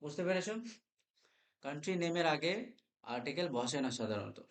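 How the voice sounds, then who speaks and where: Man, Bengali accent, grammar teacher running a live class, spells out words, voice a bit high. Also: animated, fairly quick. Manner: checks in with students often, spells words letter by letter. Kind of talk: live online class lecture.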